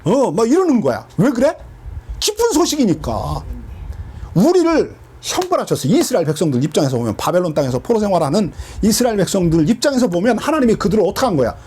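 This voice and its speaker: Lively pastor teaching with questions. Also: male voice, sits high, quick pace, slightly rough. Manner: animated, asks the listeners questions and answers them. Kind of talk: Bible teaching.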